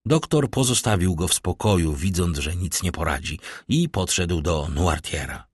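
A man narrating an audiobook with an animated, theatrical delivery. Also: deep voice, normal speed, slightly rough, dry recording, studio quality. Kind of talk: dramatic audiobook reading.

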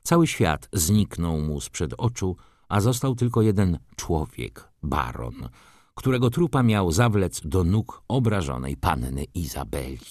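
A man narrating a classic novel as an audiobook, in an expressive, dramatic storytelling manner. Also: sits low, a little slow, no room sound, studio quality.

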